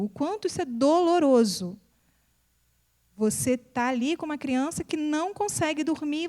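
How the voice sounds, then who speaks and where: A woman's voice: high voice, a little mellow. A middle-aged woman, speaking to an audience about her own family, repeating words for emphasis and acting out bits of dialogue. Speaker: psychopedagogue and mother speaking at an event. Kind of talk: personal talk to an audience.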